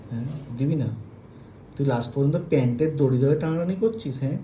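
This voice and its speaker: A man's voice: mid-range voice, quick pace, mellow, reverberant, slight background noise. A man at home talking playfully to his puppy, coaxing and teasing it in a casual baby-talk way. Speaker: dog owner filming his pet. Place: bedroom at home.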